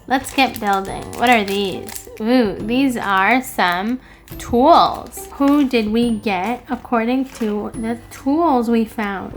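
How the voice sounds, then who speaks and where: Slow, bright-voiced cheerful woman. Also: on the high side. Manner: cheerful, step-by-step explaining. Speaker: toy unboxing host. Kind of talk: narrating a toy unboxing for children.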